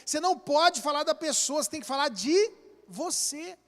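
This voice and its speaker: A man's voice: very high voice, normal speed. A man with a Brazilian Portuguese accent, a pastor preaching a sermon in a church hall, acting out little scenes as he talks. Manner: animated, acts out little scenes and quotes.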